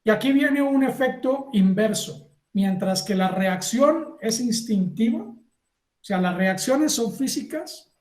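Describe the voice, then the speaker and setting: Animated lecturer in an echoey room. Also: male voice, very high-pitched, takes it slowly. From Colombia. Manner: animated, acts out little scenes and asks the class for agreement. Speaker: university lecturer. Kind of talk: classroom lecture.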